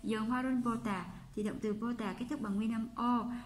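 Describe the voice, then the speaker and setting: A woman with a Vietnamese accent, a Korean teacher explaining textbook exercises and patiently repeating each example sentence slowly. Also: on the high side, fairly even intonation, slight background noise.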